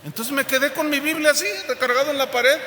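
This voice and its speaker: A man preaching a sermon, telling a personal story in a lively way and acting out the people he quotes. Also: very high-pitched, fast, a little hiss or hum. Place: church hall. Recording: reverberant hall, faint ambience.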